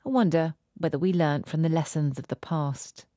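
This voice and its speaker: A woman's voice: low-pitched, normal speed, dark tone, no room sound, studio quality. A woman reporter reading scripted narration for a news feature. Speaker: radio reporter.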